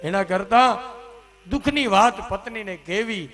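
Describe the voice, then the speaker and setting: A man preaching a religious story discourse, in an animated manner that rises to loud exclamations. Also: high voice, a little slow. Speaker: katha preacher. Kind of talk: sermon storytelling.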